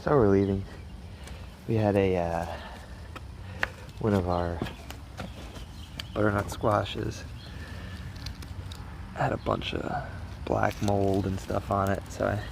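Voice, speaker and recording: A man with a fairly low voice and plenty of gravelly fry talks casually as he shows a garden. He is laid-back and loosely profane. The recording is outdoors, with clear ambient noise behind him. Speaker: gardener vlogger. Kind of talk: casual walk-and-talk garden vlog.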